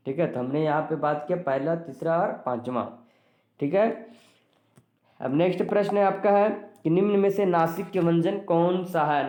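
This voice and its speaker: A man's voice: fairly high pitch, a little mellow, roomy sound. A male teacher giving an exam-prep grammar lesson, asking and answering his own questions with frequent "ठीक है".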